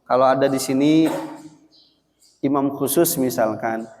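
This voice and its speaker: A man teaching a mosque study session, explaining prayer rules to the congregation and reciting Arabic slowly to show how each sound is pronounced. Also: medium pitch, darkish tone, a little hiss or hum. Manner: explanatory, addresses the congregation directly. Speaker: Islamic teacher. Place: mosque hall. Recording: long reverb of a mosque hall.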